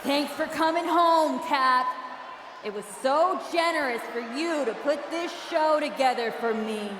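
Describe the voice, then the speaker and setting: A woman with a high-pitched voice and measured pace plays a bitter, jealous wrestling promoter in a video game. She delivers a sarcastic, menacing in-ring promo over an echoey arena PA, with crowd noise behind her.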